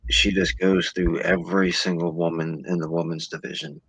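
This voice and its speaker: A man's voice: low-pitched, flat delivery, moderate pace, fairly bright tone, slightly rough, no echo, poor audio. A man co-hosting a casual podcast chat, talking in a rambling, laid-back way. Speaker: podcast co-host.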